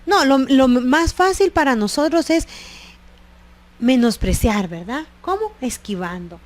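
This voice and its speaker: A woman's voice: high voice, expressive, unhurried. A woman with a Guatemalan Spanish accent giving a conversational devotional talk and citing scripture. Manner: conversational, reads scripture aloud. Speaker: church speaker.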